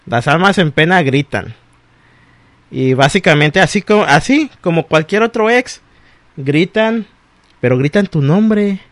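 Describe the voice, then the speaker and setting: A man talks in an easy, animated way, laughing often and acting out quoted voices. His voice sits a little high for a man. The recording is close and dry, with no room echo. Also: a little slow. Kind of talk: casual chat about exes.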